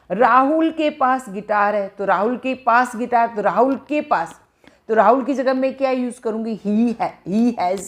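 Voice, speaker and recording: A woman teaching English grammar in Hindi, explaining each term and checking understanding with repeated questions. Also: medium pitch. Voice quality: slow, careful reading of English example sentences. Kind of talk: grammar lesson.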